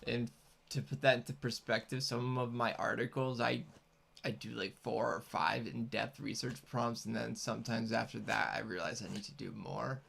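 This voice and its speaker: Man, heavy vocal fry, medium pitch, casual, hesitant, rambling host chat. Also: steady tone, moderate pace, fairly bright tone. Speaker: host, content creator.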